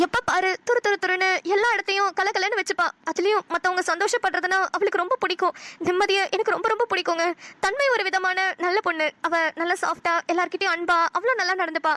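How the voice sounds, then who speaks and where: A woman doing an old cartoon wife and mother-in-law with a very high, bright, sharp voice. She rattles off her lines quickly and scolds her husband while staying soft on the family. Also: no room sound. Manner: scolding, emotional. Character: elderly wife and mother-in-law, warm but nagging. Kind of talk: cartoon dialogue.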